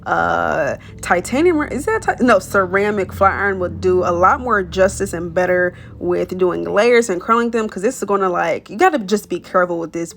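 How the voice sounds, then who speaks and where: A woman's voice: lowish voice, vocal fry. A young woman talks through a hair tutorial in a loose, chatty voice-over. She uses plenty of slang and stumbles over a word now and then, then picks right back up. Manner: chatty, slangy, apologizes for stuttering. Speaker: beauty vlogger.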